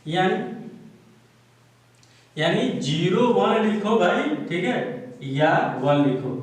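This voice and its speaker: A man teaches a math class, walking his students through each step and pausing often to make sure they are following. His voice sits high, and it is caught from a distance in a very echoey room. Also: lively intonation. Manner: explains step by step, keeps checking with "theek hai". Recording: echoey room, speaker far from mic.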